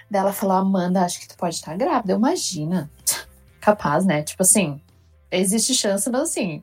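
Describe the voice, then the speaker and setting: A woman's voice: on the high side, breathy edge. A young woman telling a personal story in a casual podcast chat, acting out what people said and often repeating herself. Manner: lively, acts out quotes, repeats herself.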